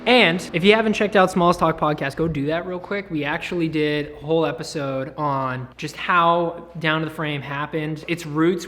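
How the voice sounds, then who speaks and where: A man's voice: fairly high pitch, a bit bright. A man co-hosting a casual workshop vlog, joking and laughing often as he works on an engine. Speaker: channel co-host.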